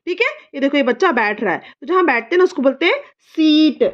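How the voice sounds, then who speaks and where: A mother patiently sounds out English spelling for her child in Hindi, drawing letters out slowly and repeating each word. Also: high-pitched, lively intonation, dull audio. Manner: slow, drawn-out sounding of letters and words; patient, repetitive coaxing questions. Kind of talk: phonics lesson for a child.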